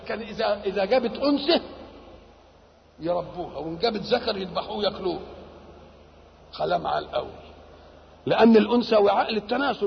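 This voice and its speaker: A man's voice: high voice, gravelly, a little hiss or hum. An older man with an Egyptian Arabic accent explains scripture, asking rhetorical questions and answering them himself. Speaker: Quran commentator. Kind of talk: Quranic exegesis lecture. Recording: dull lo-fi archival tape with reverb.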